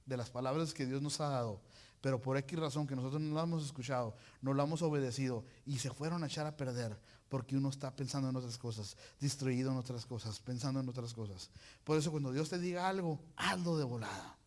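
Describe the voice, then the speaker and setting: A man preaching a sermon in an animated, joking way, full of colloquial slang. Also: mid-range voice, fast talker.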